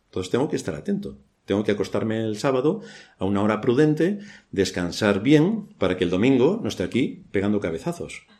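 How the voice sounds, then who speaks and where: A man's voice: on the low side, very animated, fairly quick, a little mellow. A man from Spain with a Spanish accent preaching a church sermon, asking rhetorical questions and adding dry ironic asides.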